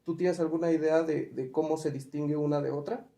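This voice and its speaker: A man's voice: fairly high pitch, steady tone, a little fast, vocal fry, mellow. A man teaching spelling rules step by step, asking questions and working through examples. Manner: asks questions and gives examples. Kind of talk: patient step-by-step explanation. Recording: roomy echo.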